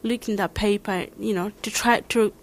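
Somali accent woman, stops and searches for words, mid pitch, interview answers. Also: steady tone, normal speed. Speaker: learner interviewee.

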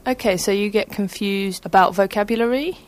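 Woman presenter, patient, rephrases questions, mid pitch. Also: a little fast. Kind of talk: interview.

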